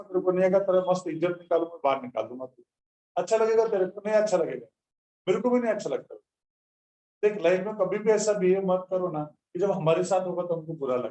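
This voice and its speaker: A man's voice: fairly high pitch, darkish tone, poor audio. A man teaching physics in a classroom, scolding students sternly before explaining the lesson. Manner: stern, lecturing students, calls them beta.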